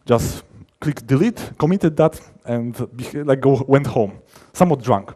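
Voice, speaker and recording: Unhurried and relaxed, a male developer speaks at a conference in a mellow voice of average male pitch. He covers technical material informally and leans on important words. Rephrasing is constant, so his sentences often stall and begin again.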